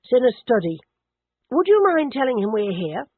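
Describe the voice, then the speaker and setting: A wry middle-aged man murmurs dry asides, as a woman narrator reads him. The voice is slightly husky. The sound is thin and phone-like, with no room in it. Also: fairly high pitch, sing-song, normal speed, dry recording, voice pushed up. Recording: dry, narrowband phone-like audio.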